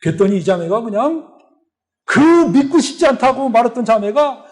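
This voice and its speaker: A man's voice: extremely high pitch, a little fast. A middle-aged man preaching at a church retreat, telling a story and acting out the dialogue in it. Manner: animated storytelling, acts out dialogue. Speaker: lay preacher. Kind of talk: sermon with story. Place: retreat hall.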